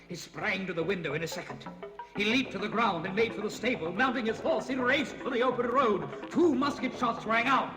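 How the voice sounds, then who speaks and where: Guy telling spooky ghost tales, theatrical, hushed then urgent, highish voice, big echoey reverb. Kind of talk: dramatic scripted storytelling for a ghost tour record. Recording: reverberant hall sound with loud music behind. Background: music.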